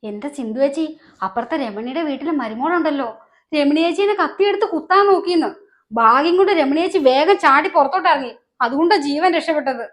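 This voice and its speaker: A woman playing an excitable gossiping neighbour. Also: high-pitched, fast talker. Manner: breathless gossip, dramatic. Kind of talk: short-film family drama acting.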